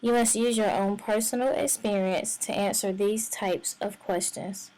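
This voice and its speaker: A woman's voice: medium pitch, steady tone, a little mellow, poor audio. Woman narrating a reading lesson. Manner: clear, measured explaining. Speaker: teacher. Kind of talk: instructional narration.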